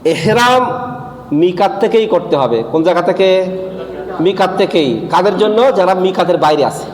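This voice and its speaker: A man's voice: high-pitched, animated, moderate pace. A man preaching a religious lesson, asking his listeners questions and answering them himself while repeating the key points. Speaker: Islamic preacher. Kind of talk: sermon-style religious lesson. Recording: echoey hall with long reverb.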